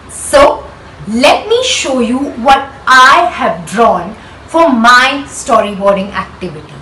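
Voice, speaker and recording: A woman with an Indian accent and a fairly bright, higher-pitched voice plays a schoolteacher hosting a read-aloud for children. She explains things instructively, leaning on emphatic rhetorical questions. The mic sits at a distance in a roomy, echoing space with faint noise.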